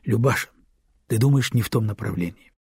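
A man's voice: lowish voice, fairly quick, vocal fry, darkish tone, slightly rough, no room sound, studio quality, full character voice. A man reading the part of a stern, decisive middle-aged man in an audiobook, firm and brusque in his commands.

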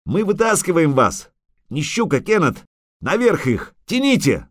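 A frantic, shrill bard , as a male reader puts him on. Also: big pitch swings, measured pace, no room sound, clean studio sound. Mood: panicked shouting. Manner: yelling and cursing in panic. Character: frantic young male bard shouting for help.

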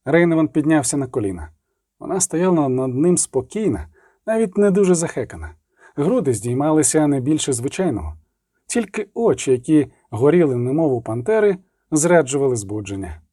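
A man reading a fantasy novel as an audiobook narrator, steady and expressive. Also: a little high, brisk, dry recording, studio quality. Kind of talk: scripted narration.

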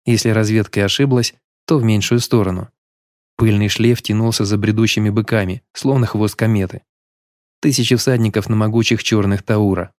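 A man narrating a first-person audiobook story in a steady, even way. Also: fairly low pitch, a little fast, no room sound, clean studio sound.

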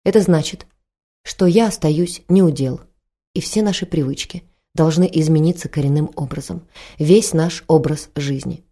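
A woman voicing a weary middle-aged husband who speaks slowly, softly and hesitantly. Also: deep voice. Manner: slow, hesitant, soft-spoken.

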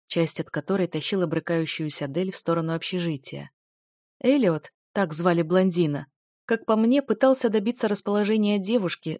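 A woman narrating a first-person fantasy audiobook in a steady, even storytelling voice. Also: on the low side, dry recording, clean studio sound.

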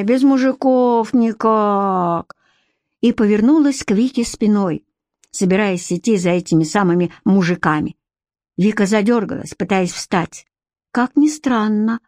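Woman audiobook narrator, steady and expressive, mid pitch, dry close studio sound. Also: no room sound. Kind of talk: scripted narration.

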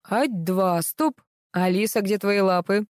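A woman's voice: medium pitch, slow pace, darkish tone, no room sound, clean studio sound, natural voice. A woman reading a bossy barking male director. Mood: commanding. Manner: barking commands. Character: bossy male show director, impatient and sharp.

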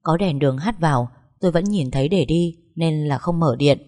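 A woman's voice: low voice, a little fast, lightly acted. A woman reading as a shy humble housekeeper. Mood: apologetic. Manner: soft and apologetic.

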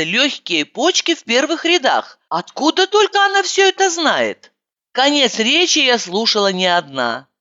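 A woman reading a comic first-person audiobook with animated, exasperated outbursts. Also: medium pitch, muffled recording. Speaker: audiobook narrator.

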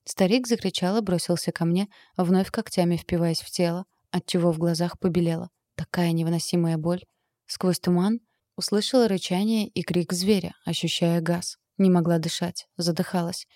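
A woman reads a first-person audiobook in an even, steady way. Her voice is low and warm-toned. The recording is close and dry. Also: normal speed, no echo. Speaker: audiobook narrator.

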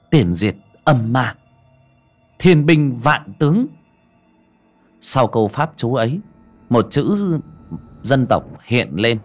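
A man narrating a story audiobook in an expressive storytelling manner. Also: mid-range voice.

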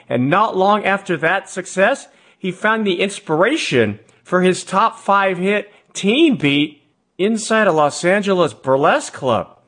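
A man hosting a radio oldies show, telling music history in scripted narration with a measured storytelling delivery. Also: high voice, fairly bright tone, slightly rough.

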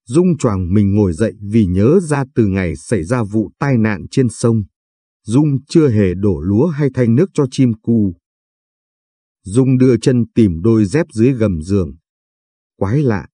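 A man narrating a sad story in a slow, somber, scripted way. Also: fairly low pitch, expressive, dark tone, breathy edge, no echo, studio quality.

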